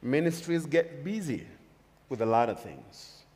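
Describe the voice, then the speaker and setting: This pastor, a man in his thirties with a Kenyan accent, delivers his sermon in a voice on the high side, very animated yet unhurried and a little mellow. His cadence is emphatic and repetitive as he preaches from the pulpit of a church stage facing a large hall. A long church-hall reverb surrounds the sound.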